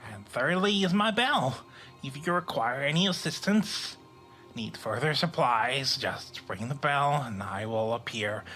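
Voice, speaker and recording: Man playing a bright-voiced, polite young bellhop. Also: mid-range voice. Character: polite, gentle young male bellhop of a cosmic hotel. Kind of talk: scripted audio drama.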